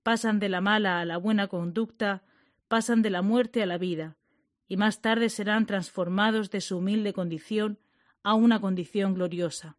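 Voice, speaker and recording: A woman giving a measured, solemn liturgical reading. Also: mid-range voice, fairly even intonation, dry recording, studio quality.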